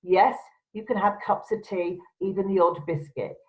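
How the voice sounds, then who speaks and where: Speaking to camera at a moderate pace and medium pitch, a woman presenter offers instructional advice in a direct, emphatic, firm style. The recording sounds dull and lo-fi.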